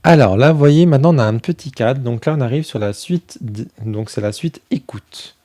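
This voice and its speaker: A man chatting casually through a review of a tarot deck, filling pauses with "euh" and thinking aloud as he goes. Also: mid-range voice, expressive, dark tone, no echo, clean studio sound. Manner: chatty, many fillers, thinks aloud while flipping cards.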